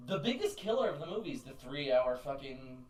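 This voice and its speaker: A man's voice: mid-range voice, sing-song, a little fast, a crowd in the background. A man co-hosting a casual movie podcast, rambling with lots of fillers and cursing. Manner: rambling, profane, many fillers. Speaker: podcast co-host. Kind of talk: casual chat. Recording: echoey room, mic a bit far.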